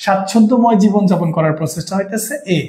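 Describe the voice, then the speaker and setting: A Bangladeshi man teaches grammar online, speaking fast in a high, warm voice. He repeats his questions again and again to draw answers out of his students, and the room gives the recording a noticeable echo.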